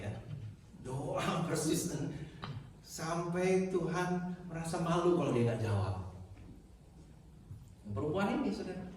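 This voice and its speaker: Impassioned preacher in an echoey hall. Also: male voice, medium pitch, recorded from a distance, a little hiss or hum. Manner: mixes English phrases into Indonesian, rises to loud impassioned stretches. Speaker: pastor. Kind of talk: sermon.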